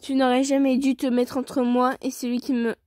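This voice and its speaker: A woman's voice: high-pitched, level tone, moderate pace, a little mellow, dry recording, studio quality, lightly acted. A woman voicing a cold, arrogant male demon king, taunting, in a fan story read aloud.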